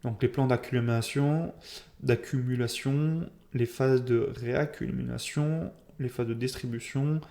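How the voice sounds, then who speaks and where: A man talks through an informal debrief in a mellow, fairly flat voice. He has a slight lisp and speaks haltingly, thinking aloud and blaming himself. The room adds noticeable echo. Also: mid-range voice, vocal fry. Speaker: trader keeping a video diary.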